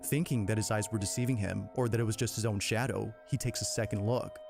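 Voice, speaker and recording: A man reads a scripted narration for a compilation of paranormal clips, pacing it for suspense. His voice has a gravelly, fry-edged texture. Music plays clearly underneath. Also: lowish voice, steady tone, a little mellow. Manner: measured, suspenseful storytelling delivery.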